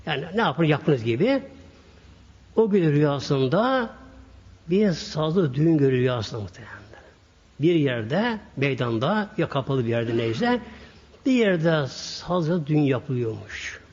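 A man's voice: fairly high pitch, sing-song, measured pace, a little mellow, husky. Preacher man in an echoey hall. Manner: addresses congregation, acts out quoted dialogue. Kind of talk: sermon storytelling. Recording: dull echoey hall recording.

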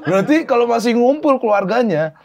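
A man's voice: very high voice, expressive, a little fast, darkish tone. A man, hosting a podcast with joking, teasing banter. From Indonesia, Minang. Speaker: podcast host. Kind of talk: casual chat.

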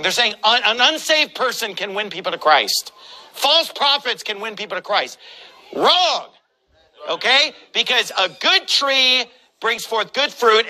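A male pastor preaching with a high, bright voice that has a hard, forceful edge. He delivers his sermon combatively, mocking his opponents and hammering every point home. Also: low-quality recording.

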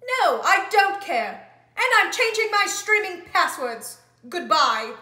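A dry, fed-up young woman who answers in a deadpan, dismissive way, played by a woman in a comedy sketch. Her voice is high and bright. The room gives it a noticeable echo. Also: slow pace, heavily acted. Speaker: actor.

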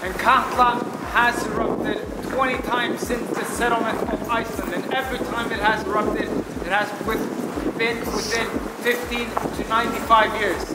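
A man's voice: extremely high pitch, steady tone, moderate pace. A man working as a tour guide, explaining to a group inside an ice cave with dry jokes, picked up by a visitor's camera. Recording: echoey cave with loud wind noise.

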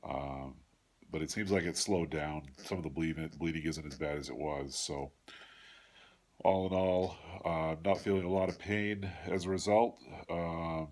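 Very deep-voiced congested middle-aged man. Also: steady tone, a little slow, a little mellow. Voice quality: congested, stuffed-up nose. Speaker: vlogger giving a surgery recovery update. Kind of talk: casual video diary. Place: home room with a large window, indoors. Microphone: phone at arm's length.

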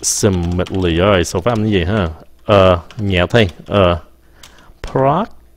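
This man's voice sits low with fairly even intonation as he gives an informal live English pronunciation lesson. He breaks off to say words slowly and blends English phrases into his speech.

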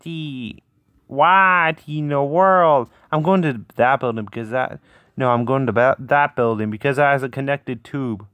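A man hosting a gaming video with casual, excitable, reactive commentary, often repeating short phrases. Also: mid-range voice, unhurried, no echo, narrow, tinny audio.

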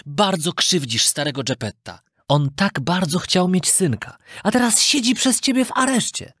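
A storyteller voicing a wise talking cricket who lectures in a calm, admonishing way. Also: mid-range voice, normal speed, breathy edge, no room sound, clean studio sound, voice pushed up. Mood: stern. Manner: preachy, admonishing.

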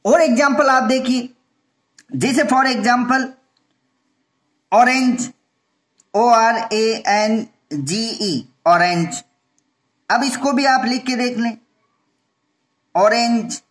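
A man's voice: extremely high pitch, extremely slow, long pauses, fairly bright tone. Male teacher explaining grammar. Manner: explains step by step, repeats points, asks and answers his own questions. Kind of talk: grammar lesson.

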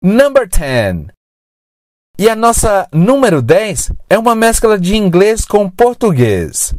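A teacher speaking slowly with a lively, rising and falling pitch. The recording is dry and close, with no room sound. Each word is stretched out and spoken clearly for the listener to repeat. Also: no echo. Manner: slow, clear, drawn-out word modelling. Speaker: English teacher. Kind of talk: scripted lesson narration.

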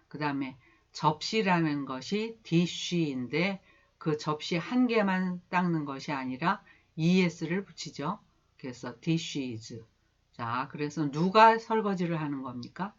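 Slow-talking woman teaching English. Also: deep voice. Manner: asks the class questions and answers them herself; drills pronunciation slowly, word by word, inviting repetition. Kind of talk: recorded beginner English lesson. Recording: dull lo-fi lesson recording.

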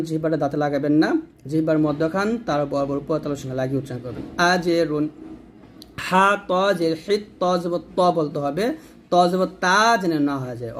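A man teaching Quran recitation, patiently spelling out letters and syllables slowly and repeating each sound. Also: a little high. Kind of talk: slow letter-by-letter pronunciation lesson.

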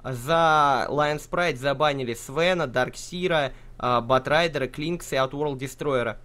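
A man's voice: mid-range voice, a little slow, a bit bright. A man hosting casual game commentary with sarcastic, mocking banter and free swearing, talking over a voice call. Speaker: esports commentator and stream host.

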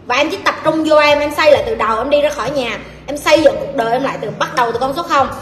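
Blunt high-voiced Southern Vietnamese woman lecturing. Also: very fast. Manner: blunt, forceful, scolding lecture with coarse address. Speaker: life coach answering audience questions. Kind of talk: livestream Q&A advice talk. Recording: echoey hall with faint background noise.

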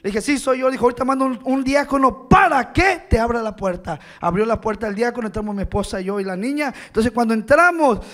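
A male pastor preaches in a church with a very high voice, telling a story and acting out each person's lines. He keeps calling out to the congregation between his lines. Faint music plays behind him. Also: quick pace, few pauses, a bit bright. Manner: storytelling preacher, acts out dialogue with call-outs to the congregation. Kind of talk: sermon.

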